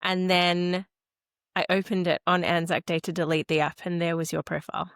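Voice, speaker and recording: Host female, lower voice, chatty and upbeat, dry close mic. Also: level tone, normal speed, fairly bright tone, clean tone, no echo. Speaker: podcast host. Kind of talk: casual chat.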